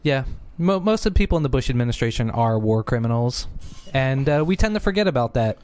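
A man co-hosting a casual comedy podcast, explaining things in a relaxed, rambling way. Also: mid-range voice, fast talker, clean tone. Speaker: podcast co-host.

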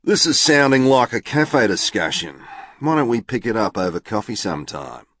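A man reading the part of a smooth, socially skilled male professor. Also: mid-range voice, sing-song, moderate pace, a bit bright, no echo, clean studio sound, pitched above the performer's own voice. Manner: smooth and charming.

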